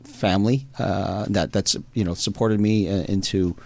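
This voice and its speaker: A man's voice: lowish voice, steady tone, normal speed, gravelly, a little mellow. A man hosting a casual interview, talking hesitantly with many restarts and frequent laughs. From Filipino background, raised abroad. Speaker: podcast host.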